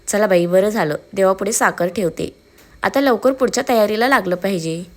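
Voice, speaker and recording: A woman's voice: mid-range voice, normal speed, lightly acted. A woman voicing a cheerful middle-aged aunt who teases the young couple. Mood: teasing. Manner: teasing, laughing.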